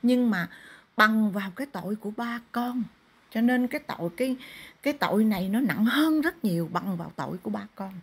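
A woman's voice: medium pitch, lively intonation, brisk, husky. A middle-aged woman, a spirit medium, lecturing a client firmly. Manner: firm, lecturing. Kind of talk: counselling a client in a spirit ritual.

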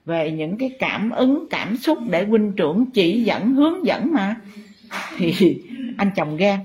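A woman spiritual teacher, telling a story to her followers in a halting way with many fillers. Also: mid-range voice, sing-song, a little mellow.

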